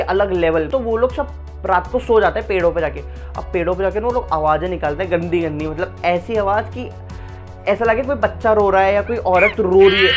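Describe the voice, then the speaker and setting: A young man vlogging, retelling a camping adventure in a slangy, animated, conversational way full of asides. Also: high-pitched. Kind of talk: casual storytelling.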